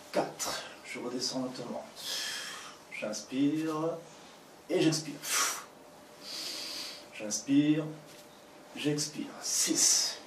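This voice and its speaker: A man coaches an abdominal workout, counting reps and repeating slow breathing cues as he exercises. His voice carries from a distance in a roomy space. Steady background noise runs under him. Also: medium pitch. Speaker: fitness coach. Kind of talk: guided exercise instruction.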